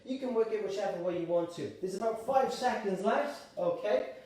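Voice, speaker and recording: A Welsh man leading a live gentle exercise class, chatty and encouraging, slightly out of breath as he works out. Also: high voice, moderate pace. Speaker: exercise instructor. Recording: echoey room, mic at a distance.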